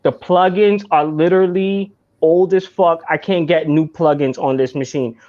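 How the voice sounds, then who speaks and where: A man's voice: a little high, fairly even intonation, normal speed, darkish tone, highs cut off. A man hosting a podcast in casual chat, laid-back and swearing freely. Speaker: podcast host.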